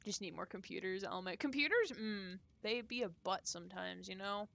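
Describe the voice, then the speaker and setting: A woman streamer with a medium-pitched, creaky, fairly bright voice and lively intonation talks at a normal pace. She chats and rambles casually while playing and reading a game on a live stream, laughing often.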